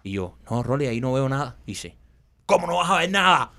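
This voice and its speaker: A man's voice: medium pitch, sing-song, brisk, vocal fry, pushed and bright. A man telling a funny story in casual chat, acting out the quotes and laughing often.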